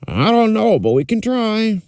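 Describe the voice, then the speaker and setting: A man's voice: sits high, very animated, a little slow, a little mellow, no echo, studio quality, pitched above the performer's own voice, full character voice. A man voicing an earnest, hesitant young stable hand in a fireside folktale. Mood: earnest, unsure.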